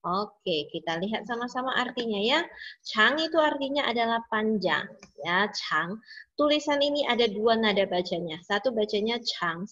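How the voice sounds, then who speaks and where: A woman's voice: fairly high pitch, fairly bright tone. Woman teaching, repeating words in drills. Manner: explains each word slowly, repeats drills three times. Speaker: Mandarin teacher. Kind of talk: online class lecture. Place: home, online video class. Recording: slightly dull lo-fi audio.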